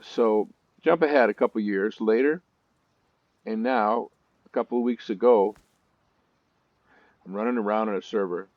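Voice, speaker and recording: A man with a lowish voice narrating his gameplay in a chatty, storytelling way with nervous asides. The sound is dry and close, with a slightly dull, muffled top end. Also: normal speed, pauses often, no echo. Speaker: gaming video host. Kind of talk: let's-play commentary.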